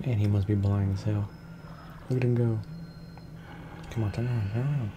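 Muttering laid-back commentary during a let's play, this streamer speaks at a moderate pace in a lowish, steady, slightly froggy voice. He's gaming in his room at home, and the recording is clearly noisy.

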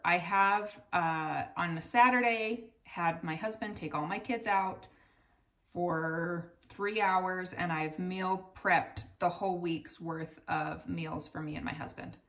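A mother and vlogger in her thirties chats candidly to camera in her home kitchen, conversational and self-deprecating. Her lowish voice is a bit bright, with a measured pace. The camera sits a little way off, so she sounds distant.

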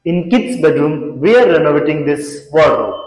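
High-voiced young man touring an echoey apartment. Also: lively intonation. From India. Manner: measured, explanatory, pointing out features. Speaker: renovation company founder presenting a walkthrough. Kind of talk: scripted walkthrough presentation. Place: large empty apartment rooms, indoors. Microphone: lapel mic. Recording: echoey empty rooms with background music.

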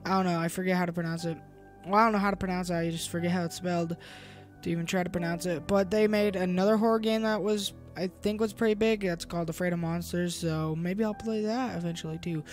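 A woman hosting a gaming video, giving rambling, excitable let's play commentary. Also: lowish voice, fast, soft background music.

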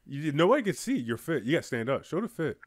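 A man's voice: a little high, very animated, fast, breathy edge, no echo, clean studio sound. Profane teasing man on a podcast. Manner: teasing, profane, laughs often. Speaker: podcast co-host. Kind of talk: casual chat. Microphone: studio mic, close.

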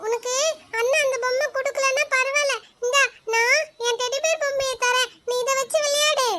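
Someone doing a kind gentle cartoon boy. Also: very high voice, fairly even intonation, moderate pace. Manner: soothing, coaxing. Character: kind gentle young boy, caring cousin.

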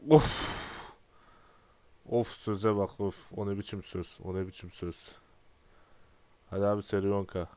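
Smooth low-voiced young man grumbling. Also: little pitch movement, normal speed, a little mellow. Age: 20s. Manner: exasperated, grumbling, frequent throat clearing. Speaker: gaming YouTuber. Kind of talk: casual gameplay commentary.

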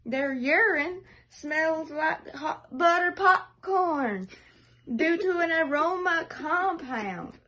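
A young woman reading aloud playfully in a put-on funny accent, halting, recorded on a phone in a room at home. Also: very high-pitched, lively intonation, sharp tone. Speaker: reader. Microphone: phone held at arm's length.

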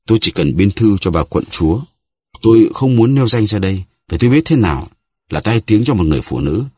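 A man's voice: lowish voice, sing-song, fairly quick, darkish tone, breathy edge, no room sound, voice pushed up. A man voicing a vain, boastful musketeer who talks haughtily and acts offended. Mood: haughty.

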